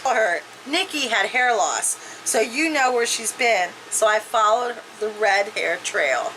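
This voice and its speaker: A woman with a high, bright, sharp voice reads a story aloud and chats about it between passages. She is animated and jokey and exclaims often. A faint hiss of noise sits behind her. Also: unhurried, low-quality recording. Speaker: host reading a viewer's story. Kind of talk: casual read-aloud and discussion.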